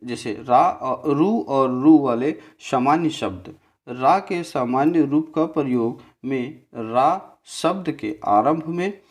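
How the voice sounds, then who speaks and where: Man teaching grammar slowly, step by step. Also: medium pitch. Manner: slow, repetitive, checks in with "theek hai"; spells out syllables slowly. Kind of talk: explaining grammar over a slide.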